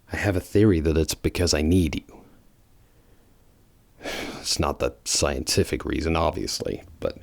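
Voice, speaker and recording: Man as low, brooding Shadow the Hedgehog. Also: no room sound, exaggerated voice. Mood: earnest, softened. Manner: halting, grave, guarded. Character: brooding, bitter, loyal male hedgehog antihero. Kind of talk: audio drama voice acting.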